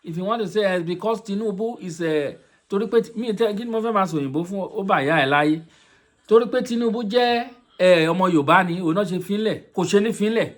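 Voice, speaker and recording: An online commentator from southwest Nigeria, a man with a Yoruba accent, delivers scathing, mocking political commentary, moving between Yoruba and English. His voice is high-pitched and he speaks at a racing pace.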